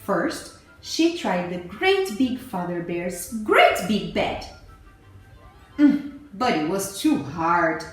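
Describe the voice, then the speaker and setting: A woman teacher reads a children's story aloud, slow and sing-song, with a lively voice that rises and falls. She speaks at a leisurely pace. Heavy echo fills the room, and faint music plays behind her. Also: mid-range voice.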